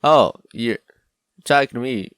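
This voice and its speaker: A man doing a slow, hesitant voice for an awkward, gloomy character. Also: medium pitch, a bit bright, clean tone, no echo, clean studio sound, voice pushed down, close to an everyday voice.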